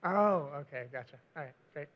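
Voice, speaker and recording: High-voiced man giving a talk. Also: lively intonation. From United States. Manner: self-described fast talker, frequent fillers. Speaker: visiting cover crop researcher. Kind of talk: conference presentation with slides. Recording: dull lo-fi recording.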